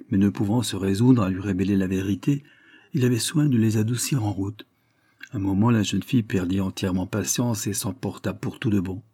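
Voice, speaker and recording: A man reading a classic novel aloud in a measured, literary narration. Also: lowish voice, mellow, husky, dry recording. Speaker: audiobook reader.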